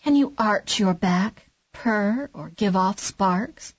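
A woman voicing a haughty tomcat who talks down to others in measured tones. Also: medium pitch, dry recording, highs cut off. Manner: condescending. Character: haughty tomcat, master of the house.

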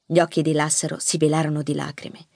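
A woman narrating an audiobook in an expressive, measured storytelling manner. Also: low-pitched, creaky, dry recording. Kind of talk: scripted narration. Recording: dry close studio mic.

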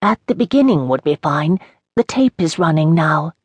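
A polite social-work interviewer speaks in a gentle, encouraging way, a touch higher than the narrator's own voice, as the audiobook reader voices them. The recording is dry and close. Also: animated, moderate pace, husky, no room sound. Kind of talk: audiobook character voice.

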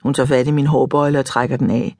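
A woman narrating an audiobook in a calm, reflective first-person storytelling manner. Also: a bass voice, dry recording, clean studio sound. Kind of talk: scripted narration.

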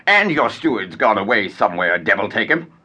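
A man's voice: lowish voice, big pitch swings, a little fast, bright, forceful tone, exaggerated voice. An actor playing a blustering, irate male landowner who has come to collect a debt, ranting with theatrical outbursts. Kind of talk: stage play acting.

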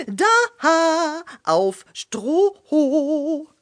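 A woman voicing a patient hen who keeps gently correcting the rooster, in a children's audiobook. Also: high-pitched, very animated, no echo, studio quality, full character voice. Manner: gently correcting, soothing, unhurried. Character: patient, know-it-all hen, Serge's companion.

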